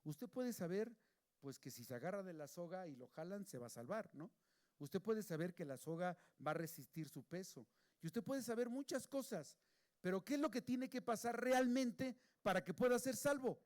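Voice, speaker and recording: A man preaching a sermon, moving between hushed, pleading passages and raised, emphatic ones. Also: high voice, expressive, moderate pace.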